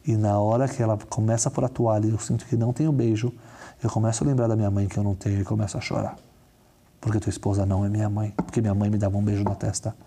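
A small orphan girl confides what is troubling her, earnest and simple in her words, as a storyteller takes on her part. The voice stays close to the teller's own, quick and mellow. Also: fairly low pitch, level tone, breathy edge, voice pushed down. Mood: sad. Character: sad five-year-old orphan girl.

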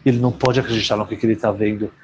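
A man telling a dramatic story as a rabbi, swinging between loud cries and hushed tones. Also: on the low side, fairly even intonation, racing, dull audio, slight background noise.

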